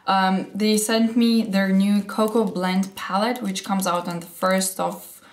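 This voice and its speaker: In a casual what's-in-my-bag chat, a woman in her twenties who vlogs about beauty and fashion gushes about her handbag, a little breathless. Her mid-range voice, slightly throaty from a cold, has fairly even intonation and a measured pace. She sits close to a camera in a sunny room at home, and the room sounds echoey.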